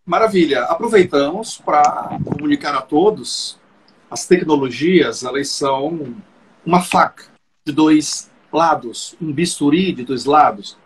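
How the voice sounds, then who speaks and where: Ceremonious male host, high voice. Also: measured pace, a little hiss or hum, low-quality recording. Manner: ceremonious, flowery phrasing. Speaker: host, professor. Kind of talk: formal live-stream interview. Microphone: video call.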